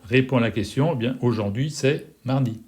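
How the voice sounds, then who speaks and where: A man's voice: mid-range voice, moderate pace, a little mellow. A man teaching classroom instructions, speaking patiently, repeating words and spelling them letter by letter. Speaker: French teacher. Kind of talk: slow classroom instruction video.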